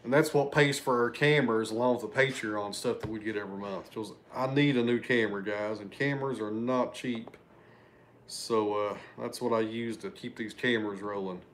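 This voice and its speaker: Indoors in his living room, a man runs a relaxed livestream, reading super chats and talking with his audience. His voice sits on the low side at a moderate pace, with slight background noise. Chatty by nature, he thanks viewers by name but loses track of what he was saying.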